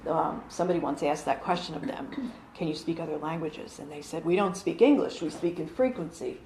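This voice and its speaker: Her voice sits low, brisk and warm, as this woman in her forties tells a small living-room gathering about her channeling. The talk is chatty, peppered with fillers and false starts. Recorded on a phone camera from across the room, it sounds roomy, with a faint background hum.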